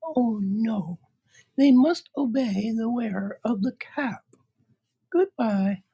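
A woman voicing a tiny, kindly mouse queen in a squeaky little voice. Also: slow pace, warm tone, slightly rough, full character voice, poor audio.

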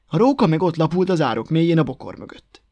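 A man narrating a folk tale as a storybook reader, with a lively, rhythmic telling on a close mic. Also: fairly high pitch, no echo, dull audio. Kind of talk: storybook reading.

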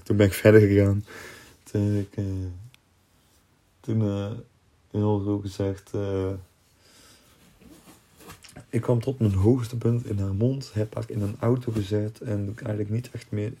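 A young man tells a personal story on his podcast in a loose, rambling way, often restarting his sentences. His voice is low, dark and husky, with a gravelly edge. He speaks in a flat, even tone. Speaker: podcast host.

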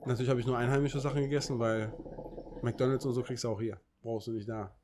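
A man with Turkish roots who grew up in Germany, talking in a relaxed podcast chat. His voice sits at an ordinary middle pitch. He tells his story in a lively, insistent way and keeps checking in with "ne?". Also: fast talker, noisy background. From Turkish roots, raised in Germany. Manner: animated, insistent storyteller with frequent "ne?". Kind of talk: casual chat.

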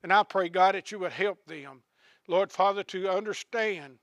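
A man preaching a sermon, repeating questions to the congregation and ending in a hushed prayer. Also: high voice, normal speed, no echo. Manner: rising to shouts of praise, then hushed prayer.

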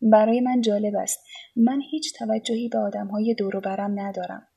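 A woman's voice: mid-range voice, vocal fry, slightly rough. A woman reading a storybook voices an aloof, teasing male artist who goads a suicidal young man. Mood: provoking. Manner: calm, teasing, unbothered.

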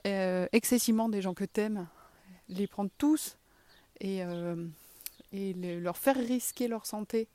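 A woman's voice: mid-range voice, warm tone. A woman with a southwest French accent, hosting a casual solo podcast while walking around her garden, candid and self-deprecating with the odd swear word. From southwest France. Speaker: podcast host.

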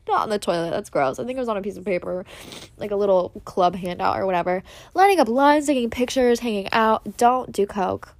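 Casual woman podcasting from an echoing bathroom. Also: mid-range voice. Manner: informal, candid, peppered with swearing. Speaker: podcast host. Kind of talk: casual solo podcast chat.

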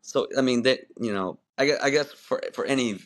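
This podcast guest, a wrestling referee in his forties, speaks at a medium pitch and a little quickly. He was born in Malaysia and grew up in the United States, and his casual interview storytelling rambles loosely, full of restarts and easy laughter.

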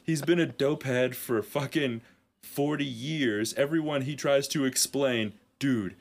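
A man's voice: medium pitch, measured pace, gravelly. A man co-hosting a comedy podcast, rambling through a profane, laughing story. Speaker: podcast co-host.

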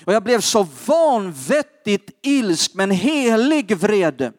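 A man preaching a testimony with dramatic swings between hushed asides and fervent peaks. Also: sits high, sing-song, dry recording, clean studio sound. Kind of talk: sermon testimony.

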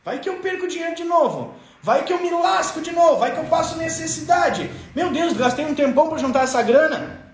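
A man's voice: very high voice, lively intonation, brisk, a little hiss or hum, pitched above the performer's own voice. A man with a southern Brazilian accent voicing a fearful inner voice that frets about losing money again. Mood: fretful. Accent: southern Brazilian, Rio Grande do Sul. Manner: fretful, worried. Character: anxious, fearful inner voice of a burned investor. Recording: echoey room.

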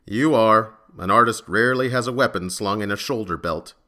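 A man voicing a fat, gruff middle-aged bartender who talks in a grumbling, shrewd way, in an audio story. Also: lowish voice, normal speed, pushed and bright. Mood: gruff, wry.

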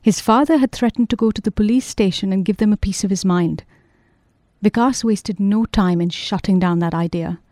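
Mellow dark-voiced woman narrating. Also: medium pitch, moderate pace, dry recording, clean studio sound. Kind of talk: audiobook narration.

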